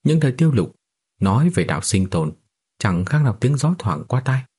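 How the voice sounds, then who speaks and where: A man narrating a fantasy novel as an audiobook in a steady, even reading style. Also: medium pitch, brisk, slightly rough.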